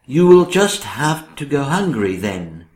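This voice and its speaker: An actor playing a sharp-tongued, mocking member of a king's household in a theatrical comedy, scornful and teasing. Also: mid-range voice, big pitch swings, slow. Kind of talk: theatrical rhyming comic drama. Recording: roomy, echoing sound.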